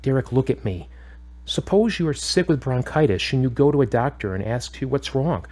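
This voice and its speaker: A man takes the role of a calm, firm therapist in a scripted audio drama, with a natural mid-range voice. He speaks in a measured way, questioning and instructing, and sounds stern and firm.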